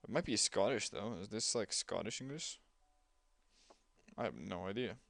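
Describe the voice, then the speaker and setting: A man's voice: lowish voice, expressive, normal speed, creaky, fairly bright tone, no room sound. A man doing let's play commentary, reading game dialogue aloud and breaking off with sarcastic asides. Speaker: gamer playing a game.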